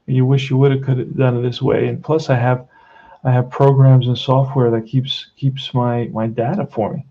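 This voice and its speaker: A man's voice: medium pitch, level tone, normal speed, muffled recording. A man in his sixties with a Queens, New York accent, chatting casually and bluntly in an off-the-cuff hobby tutorial. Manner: blunt, plain-spoken, addresses listener as "man". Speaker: tabletop baseball hobbyist giving a tutorial.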